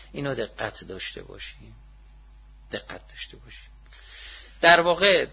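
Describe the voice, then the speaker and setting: A man preaching a casual, conversational religious lecture. He asks his listeners rhetorical questions and swings between loud emphasis and hushed, almost muttered asides. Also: medium pitch, gravelly, slightly rough. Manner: writes books, speaks with authority.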